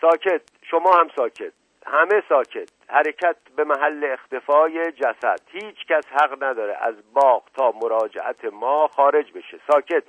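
A man's voice: medium pitch, hardly any pauses, no room sound, voice pushed up, natural voice, poor audio. A man voicing a curt, bullying male police inspector who barks clipped commands. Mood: commanding.

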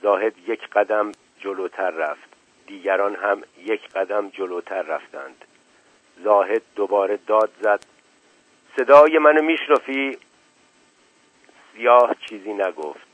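Guy narrating a story steady, husky voice, tinny radio, dry. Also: on the low side, no room sound.

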